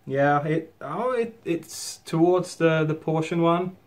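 A man's voice: fairly high pitch, slow pace. A man doing a casual product review, thinking aloud as he talks into a can held up to his face. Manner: relaxed, thinking aloud with fillers.

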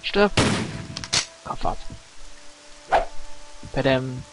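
A man's voice: mid-range voice, extremely slow, heavy background noise. A man giving casual let's play commentary, muttering reactions and swearing.

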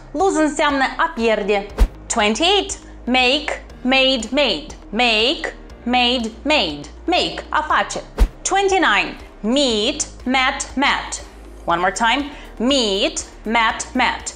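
A woman's voice: high-pitched, a bit bright. Upbeat woman teaching English. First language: Romanian. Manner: upbeat, encouraging, repeats words slowly and clearly. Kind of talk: online language lesson.

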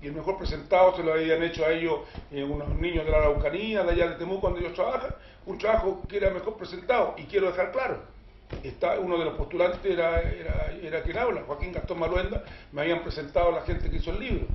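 A Chilean man hosting a casual studio talk show, an animated, emphatic storyteller who mixes in jokes. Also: a little high, quick pace, echoey room, muffled recording, slight background noise. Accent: Chilean Spanish. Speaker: host.

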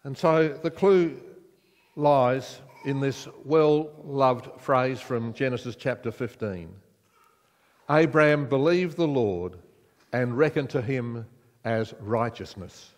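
A man's voice: mid-range voice, takes it slowly. An older man with an Australian accent preaching a sermon in a conversational way, putting questions to the congregation. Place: church sanctuary, indoors. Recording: long church reverb.

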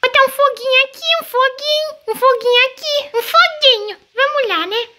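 A woman's voice: very high-pitched, moderate pace, bright, forceful tone, slight background noise, voice pushed up. A girl voicing a mischievous, curious little boy who squeals and whines. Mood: excited. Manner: squealing, whiny, exclaiming.

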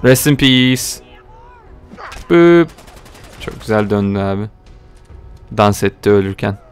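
A young man giving casual, joking gameplay commentary, talking to viewers and getting excited during the action. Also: lowish voice, normal speed, soft background music. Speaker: gaming video host.

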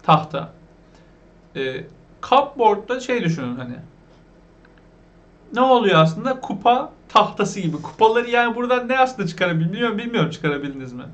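A man with a Turkish accent teaching beginners English vocabulary, asking questions and repeating each word slowly. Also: high voice, big pitch swings, a bit bright, lo-fi sound. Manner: asks the viewers questions, repeats the words slowly.

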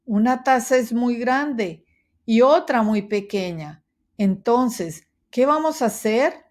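A woman voicing a small, worried male mouse with high, anxious exclamations in a children's storybook. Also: expressive, takes it slowly. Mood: fretful.

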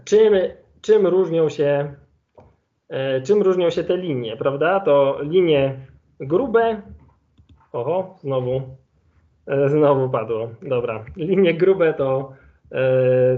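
A man giving an online lecture with slides as an ornithologist, explaining in a relaxed way and thinking aloud with fillers. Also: a little high, slow pace. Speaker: ornithologist giving a webinar presentation. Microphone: video call. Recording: lo-fi video call audio.

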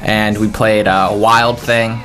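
Matter-of-fact young man, lowish voice. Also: flat delivery, slow pace, a bit bright, faint music behind. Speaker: music school student, drummer. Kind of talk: casual interview answers.

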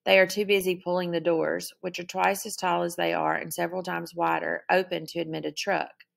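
Woman narrator, first-person novel reading, heavy vocal fry, low pitch, steady pace. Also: fairly quick. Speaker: audiobook narrator.

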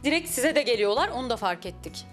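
Quick upbeat young woman interviewer. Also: on the high side, big pitch swings, faint music behind. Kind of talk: TV business interview. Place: small cafe indoors. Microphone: handheld mic.

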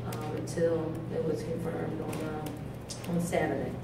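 A middle-aged woman, a head coach, answering reporters at a post-game press conference in a measured way, with frequent ums and restarts. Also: low-pitched, monotone. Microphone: table mic from a distance. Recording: echoey room, distant mic, hiss.

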